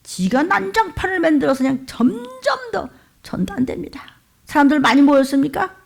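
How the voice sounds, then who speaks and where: A woman pastor preaching a fiery sermon, scolding her listeners with sharp rhetorical questions. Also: sits high, sing-song, a little fast, vocal fry.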